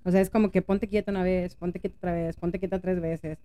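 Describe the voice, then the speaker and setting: Fast-talking mexican young woman. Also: lowish voice. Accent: Mexican Spanish. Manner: lively storyteller, slangy and animated. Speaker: podcast co-host. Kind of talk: casual chat.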